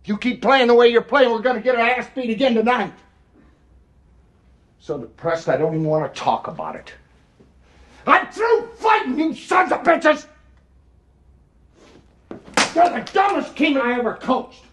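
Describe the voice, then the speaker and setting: An actor playing an exasperated middle-aged college basketball coach, giving a profane locker-room pep speech that swings from weary muttering to furious shouting. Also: male voice, high-pitched, very animated, a little fast, long pauses. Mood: disgusted, weary. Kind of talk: halftime-style locker room pep speech, film acting.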